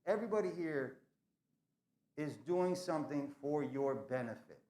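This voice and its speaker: A man's voice: on the high side, expressive, normal speed, dark tone. Earnest man making school announcements, echoey. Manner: earnest, emphatic, repeats phrases. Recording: echoey room.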